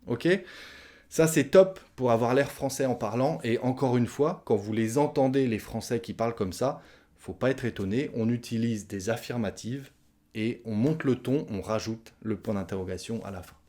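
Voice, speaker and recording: A man's voice: mid-range voice, normal speed, mellow. A man teaching a casual online language lesson, acting out example questions with a sharply rising tone. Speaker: French teacher.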